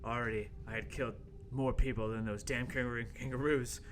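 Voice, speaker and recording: Playing a nervous young intern in an amateur radio play, this man narrates his horror tale with melodramatic, ominous flair punctuated by shouted sound effects. His medium-pitched voice is lightly acted, with fairly even intonation and a slightly fast pace, over slight background noise.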